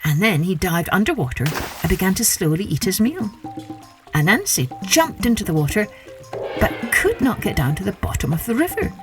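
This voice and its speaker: Animated woman storyteller with swooping intonation. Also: medium pitch, normal speed. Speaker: storytelling podcast host. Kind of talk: animated scripted children's folktale narration. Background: faint music.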